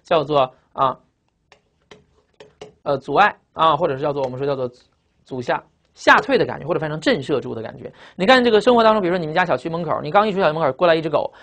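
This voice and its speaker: Fast-talking man teaching vocabulary. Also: fairly high pitch, animated, fairly bright tone. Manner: repeats each word and meaning, frequent "啊" tags and quiz questions. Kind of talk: vocabulary lecture for exam students.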